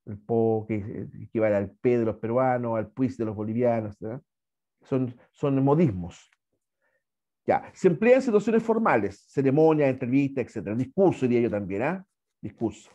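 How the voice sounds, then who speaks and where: A man's voice: mid-range voice, warm tone, muffled recording. A Chilean man teaching an online language class, chatty and repetitive, often checking in with "¿ya?". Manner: chatty, repeats words, asks "¿ya?" often.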